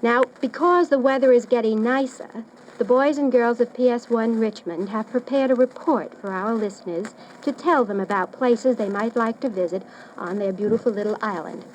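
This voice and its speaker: A woman's voice: fairly high pitch, normal speed. Woman quizmaster, noisy old radio. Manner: formal, carefully phrased address to children. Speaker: quizmaster and host. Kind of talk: hosting a children's radio quiz. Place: radio studio.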